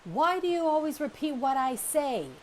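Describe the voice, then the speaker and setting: A woman voicing a bossy young female bear in a storybook reading, with a sarcastic, loud delivery. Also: medium pitch, very animated, measured pace, slight background noise.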